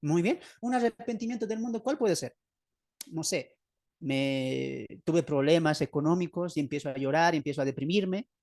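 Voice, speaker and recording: A man's voice: on the high side, expressive, normal speed, darkish tone, no echo, studio quality. A man with a Bolivian Spanish accent teaches an online Bible study lesson over a video call. He asks his listeners questions, answers them himself, and repeats key phrases for emphasis.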